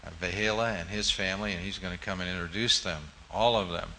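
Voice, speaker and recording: A pastor makes an announcement to his congregation, pausing on hesitant fillers. His voice sits low with a bright, forward edge, and a faint hum fills the church behind him. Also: steady tone, poor audio.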